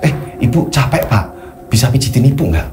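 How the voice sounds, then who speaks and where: A man's voice: mid-range voice, very animated, brisk, roomy sound, over music, voice pushed down, lightly acted. A man voicing a tired soldier's wife. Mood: pleading. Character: wife of a soldier, adult woman, tired and loving.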